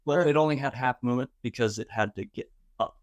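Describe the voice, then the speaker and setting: A man's voice: medium pitch, fast, no room sound. Middle-aged man running a tabletop game. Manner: explains rules and describes the action step by step. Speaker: game master.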